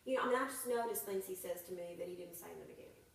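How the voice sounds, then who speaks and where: A woman's voice: on the low side, very fast, vocal fry. A woman playing a client in a counseling role-play, earnest and frustrated as she recounts her troubles at length. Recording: very echoey room, mic far off, faint hiss.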